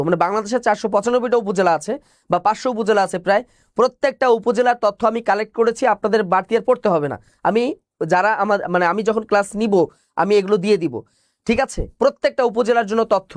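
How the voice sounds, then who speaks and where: A man's voice: high voice, no echo, studio quality. A male teacher giving an online exam-prep class, explaining point by point, repeating key phrases and answering his own questions.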